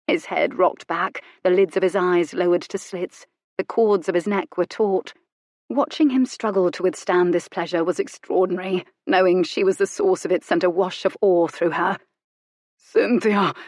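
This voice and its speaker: A woman narrating a romance novel in an intimate, measured reading. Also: lowish voice, steady tone, a little mellow, no room sound, studio quality. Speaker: audiobook narrator.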